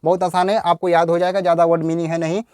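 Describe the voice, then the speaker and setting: Dry, clear-voiced male English teacher. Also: on the high side, flat delivery, very fast, a little mellow, no echo. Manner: repeats words and asks rhetorical questions. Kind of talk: Hindi-language grammar lesson.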